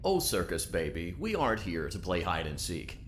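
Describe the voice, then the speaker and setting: A man's voice: low voice, huge pitch swings, moderate pace, a bit bright, soft background music, heavily acted. A man voicing a polite automated computer assistant in a video game, giving scripted instructions in a synthesized system voice. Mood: chipper. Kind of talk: video game character voice, played during a playthrough.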